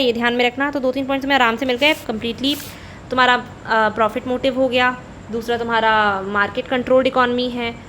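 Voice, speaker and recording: A woman's voice: fairly high pitch, a bit bright, slight background noise. A woman teacher giving a conversational economics lecture, repeating key points and slipping between Hindi and English.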